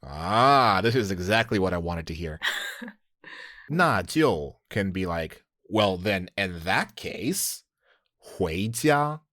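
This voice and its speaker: A man's voice: low-pitched, expressive, slow pace, a bit bright, no echo, clean studio sound. A man hosting a language podcast, explaining slang step by step in a casual, laughing way. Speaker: podcast host teaching slang. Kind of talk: casual teaching chat.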